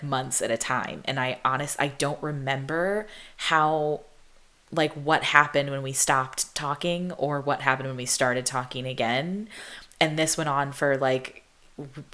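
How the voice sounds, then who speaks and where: A woman's voice: deep voice, fairly bright tone. A young woman hosting a podcast, telling a story from her teens in a rambling way, full of "like" and "um", with frequent laughs. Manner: rambling, self-interrupting, laughs between thoughts; heavy use of "like" and "um". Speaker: podcast host. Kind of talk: casual storytelling monologue.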